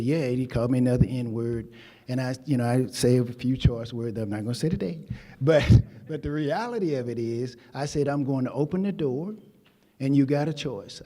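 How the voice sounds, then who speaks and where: A man's voice: medium pitch, warm tone. Older man, storytelling speech, echoing hall. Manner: storytelling, emphatic, folksy. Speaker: convocation speaker. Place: ceremony hall. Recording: long hall reverb.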